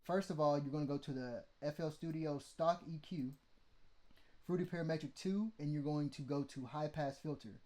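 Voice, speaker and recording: In a casual how-to session on vocal mixing, a man with a mid-range voice that also sits at a fairly high pitch talks at a moderate pace in a mellow tone. He is loose and blunt, swearing and asking "okay?" along the way.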